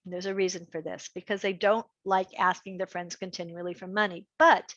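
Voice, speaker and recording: Woman workshop presenter, middle-aged, animated and lively, dry and slightly dull recording. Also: a little fast, no echo. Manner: lively, animated delivery with pitch jumps.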